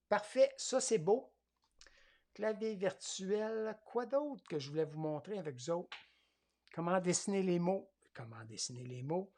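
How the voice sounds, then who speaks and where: A man's voice: on the high side, vocal fry, a little mellow. A man with a Quebec French accent teaching a tablet class, hesitant and thinking aloud as he demonstrates step by step. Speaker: tablet course instructor.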